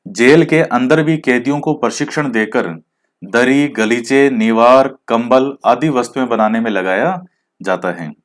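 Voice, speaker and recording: During an exam-prep lecture, a man with a mid-range voice speaks at a measured pace. He explains, then quizzes using questions he answers on his own, mixing in English words and admitting his pronunciation is rustic.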